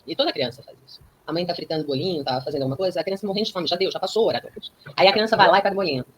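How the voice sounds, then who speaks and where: A lowish-voiced woman talks at a racing pace as a talk-program guest, explaining things in a teaching style with everyday examples and regular tag questions. The low-quality recording has slight background noise.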